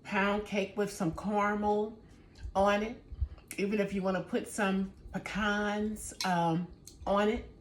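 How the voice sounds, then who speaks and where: Her mid-range voice is slow and delivered flatly, with slight background noise. She hosts a home baking vlog, chatting easily from her kitchen and addressing viewers directly in a casual way.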